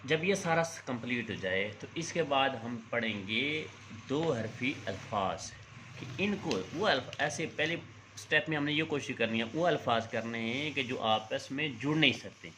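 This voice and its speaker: A man teaching reading, spelling out letters slowly and methodically in an instructional lesson. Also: mid-range voice, animated, pushed and bright, a little hiss or hum. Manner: slow, spelled-out letter drills. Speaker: Urdu teacher.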